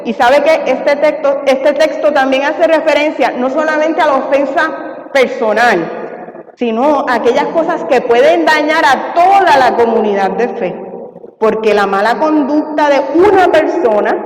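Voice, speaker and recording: A woman's voice: sits high, normal speed. A woman pastor with a Puerto Rican accent, preaching a sermon and acting out everyday dialogue as she tells stories. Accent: Puerto Rican Spanish. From Puerto Rico. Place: church sanctuary. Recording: echoey church hall with long reverb.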